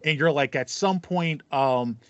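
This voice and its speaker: With a slightly high, a bit bright voice and measured pace, a podcast co-host in his thirties talks casually about video games, rambling with enthusiasm and repeating phrases. The recording is dry, though slightly muffled, coming from his headset on a video call in a small home room with acoustic foam.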